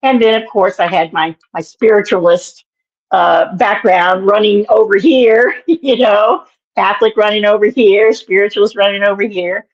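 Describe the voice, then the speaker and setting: A woman in her sixties, a minister and author, tells reflective stories in an interview with a naturally raspy voice made rougher by allergies that keep her clearing her throat. At a middle pitch with fairly even intonation, she meanders, halts and restarts with many fillers as she recalls things. The recording is dull and lo-fi.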